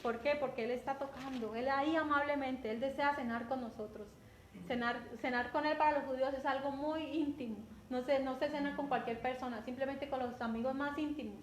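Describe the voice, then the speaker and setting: Predicadora colombiana de voz aguda. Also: female voice, sits high, fairly even intonation, a little fast. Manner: conversational, repeats words, often asks "¿cierto?". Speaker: preacher. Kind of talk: sermon. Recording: echoey room with faint background noise.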